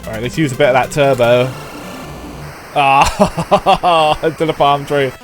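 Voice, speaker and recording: A man speaking a little slowly, with a voice on the high side, streams an old racing game while nursing a stuffy head cold. He chats casually and rambles on to his viewers. Soft music plays in the background.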